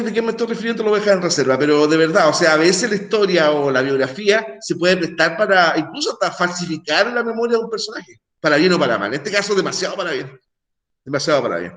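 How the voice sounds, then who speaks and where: A man's voice: high voice, fairly bright tone. Give me a middle-aged male teacher lecturing casually with frequent tag questions, in a roomy echo. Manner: conversational, full of tag questions and restarts. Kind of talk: recorded online class lecture. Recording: echoey room.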